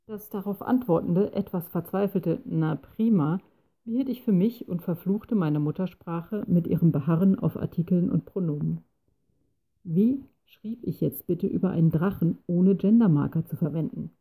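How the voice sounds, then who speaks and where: A woman reading a first-person story aloud in a measured, scripted narration. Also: lowish voice, dark tone, husky.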